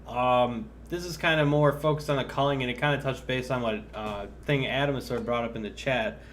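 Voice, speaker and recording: A man's voice: mid-range voice, brisk, fairly bright tone, slight background noise. A man co-hosting a casual gaming podcast, rambling through his point with lots of "like" and "kinda". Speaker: podcast co-host.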